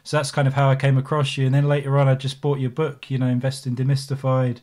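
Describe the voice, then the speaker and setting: A man in his thirties hosting a podcast, speaking in a relaxed, somewhat hesitant way with many fillers, into a studio microphone. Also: medium pitch, fast talker. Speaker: podcast host. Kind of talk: podcast interview. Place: small room at home. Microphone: studio condenser mic with pop filter and headphones.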